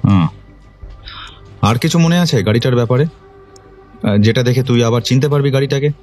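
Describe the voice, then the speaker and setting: A man plays an authoritative police detective who questions people in a firm, measured way. His voice sits at an ordinary middle pitch. Soft background music plays under the scene in this audio drama. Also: close to an everyday voice. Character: commanding male police detective.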